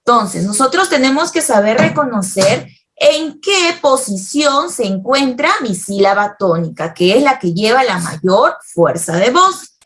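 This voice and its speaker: A woman's voice: a little high, big pitch swings, a little slow, a bit bright. A woman teaching a children's grammar lesson, speaking patiently and often checking that the listeners follow.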